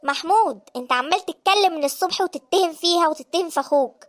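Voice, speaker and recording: A woman with an Egyptian accent voicing a caring but firm older mother-in-law in an animated story, motherly and scolding. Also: very high-pitched, fast talker. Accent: Egyptian Arabic.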